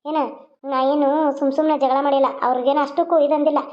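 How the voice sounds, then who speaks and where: A woman's voice: high voice, steady tone, fast talker. A woman, voicing cartoon family drama with emotional, wailing delivery. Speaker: channel host and voice actor. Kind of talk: dialect cartoon voice acting. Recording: muffled lo-fi recording.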